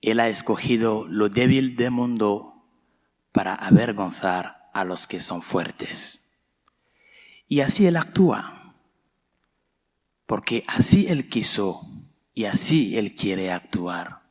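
A priest with a fairly low voice reads the gospel and preaches at a very slow, solemn pace. His words ring out in a cathedral echo, with a long reverb trailing after each phrase. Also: lively intonation, darkish tone. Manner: slow, measured, solemn delivery. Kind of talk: reading the gospel and preaching a homily at Mass. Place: large church.

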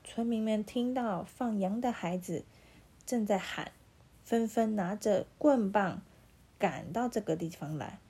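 Mellow, husky woman reading bedtime stories. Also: mid-range voice, a little slow. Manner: gentle, animated storytelling.

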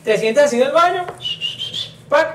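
A young Venezuelan man with a high voice spins animated little stories in a casual group chat. He laughs easily and likes to argue the odd side of a point. He sits back from the mic, and the room around him rings with echo. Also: a little fast, distant mic, slight background noise. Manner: animated storyteller, laughs often, plays devil's advocate. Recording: echoey room, speaking from off the mic.

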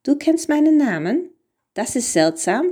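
An excitable young girl from a storybook, moody but eager, played by a woman. She speaks in high, lively bursts. The underlying tone is mellow. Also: measured pace, husky. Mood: excited.

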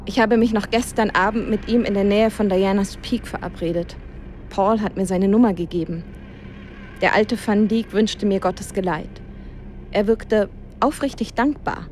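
A woman narrates a tense first-person story, framed as a spoken letter. Her voice sits at a middling pitch, with a faint hum of vehicle noise behind it. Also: unhurried, darkish tone. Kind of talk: scripted audio-drama narration as a spoken letter.

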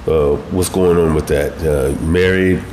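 A man with a low, magnetic voice hosting an interview show in a courteous, measured way. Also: steady tone, a little mellow. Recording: roomy echo with faint noise.

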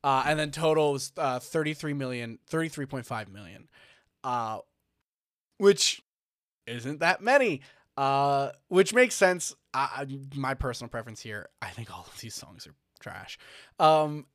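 A podcast co-host on a casual chat show speaks in a medium-pitched, expressive, slightly bright voice at an unhurried pace. He rambles with many fillers and restarts while reading out figures, and the studio-quality audio has no echo.

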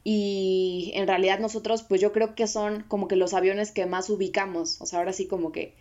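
A woman's voice: medium pitch, fairly even intonation, normal speed, darkish tone. Mexican woman chatting, slightly muffled. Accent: Mexican Spanish. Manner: rambling, many fillers and restarts. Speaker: podcast co-host. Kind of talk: casual discussion.

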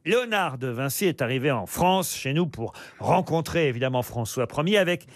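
A man's voice: medium pitch, expressive, normal speed, dry recording, clean studio sound. A man hosting a radio quiz show, reading prize plugs and teasing his panelists in a chatty way. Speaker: radio game show host. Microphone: studio microphone.

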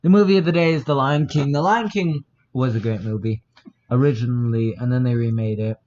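A man's voice: mid-range voice, brisk, darkish tone, a little hiss or hum. A male podcast co-host chatting casually, joking and hesitant with many ums. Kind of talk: casual chat. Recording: dull lo-fi recording.

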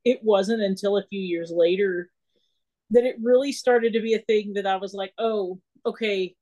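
A woman guest in a casual interview, telling her story in an animated way and acting out what people said. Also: medium pitch, moderate pace, dull audio. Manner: animated storyteller who acts out quoted dialogue. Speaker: podcast guest.

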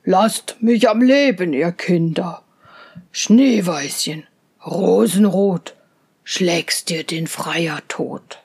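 A woman doing a slow, hushed gentle bear. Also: breathy edge, full character voice. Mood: playful pleading. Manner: slow, low and hushed, trailing into whispers. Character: large gentle male bear, calm and kind. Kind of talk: fairy tale reading.

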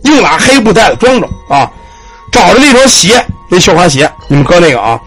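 A man's voice: high voice, sing-song, a little fast, a bit bright, soft background music, heavily acted. A man doing a grave old village temple keeper. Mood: instructing.

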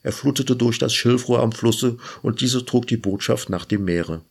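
Man reading a fairy tale on his lit show, husky gravelly voice, slow lyrical. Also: mid-range voice. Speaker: host reading literature. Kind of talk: storybook reading.

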